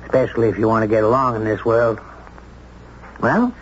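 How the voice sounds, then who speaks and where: In a 1970s radio drama, a man plays a brash, domineering high-stakes businessman, a sardonic boss who commands, teases and sneers with cynicism. His voice is on the low side and fairly quick, close to how he'd normally talk, and the mood is brisk. The broadcast sounds muffled, with some hiss.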